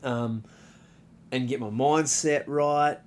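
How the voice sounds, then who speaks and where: A man in his thirties with an Australian accent, hosting a casual solo podcast, laid-back and rambling, swearing freely and filling pauses with ums. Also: mid-range voice, steady tone, background noise. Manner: laid-back, profane, rambling with many fillers. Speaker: podcast host.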